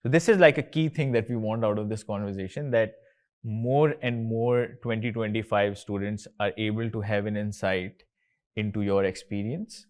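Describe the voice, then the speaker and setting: A man's voice: on the low side, fairly even intonation, normal speed, a little mellow. A man in his thirties from Karachi with a Pakistani accent, hosting a casual, chatty talk with students and often slipping between English and Urdu. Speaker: host, company co-founder.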